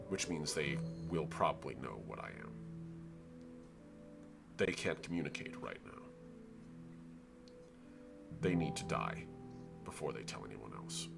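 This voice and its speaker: An ancient, giant tree being speaks through a male game master in a very low, hushed voice. The talking tree is slow, deliberate and grave, a resolute tabletop game character, with prominent music underneath. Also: sing-song, gravelly, full character voice. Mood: grave, impatient.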